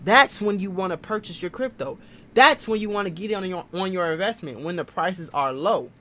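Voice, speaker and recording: A finance video host explains investing casually in a high, bright, fairly quick voice with a forceful tone. He's emphatic, repetitive, and self-assured.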